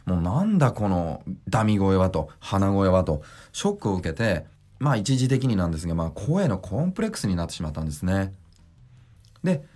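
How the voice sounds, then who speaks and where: A male voice coach explains vocal resonance on his podcast, keeping his voice low and consciously chest-resonant. His delivery rises and falls expressively as he teaches and demonstrates sounds for listeners. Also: a little mellow. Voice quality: deliberately deep chest resonance. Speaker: voice trainer. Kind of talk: podcast voice lesson.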